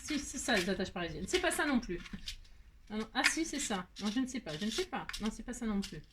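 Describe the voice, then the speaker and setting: A woman's voice: fairly high pitch, sing-song, fairly quick, very noisy. A middle-aged woman hosting a casual crafting tutorial at her table, chatty and self-mocking, laughing at herself.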